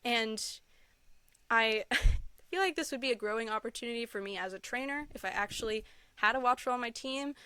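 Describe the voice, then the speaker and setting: Gushing and frequently laughing, a woman content creator chats casually as a podcast guest in an interview, peppering her talk with "like" and "um." She speaks a little fast in a fairly high, bright, forceful voice, with a clean tone and no room sound.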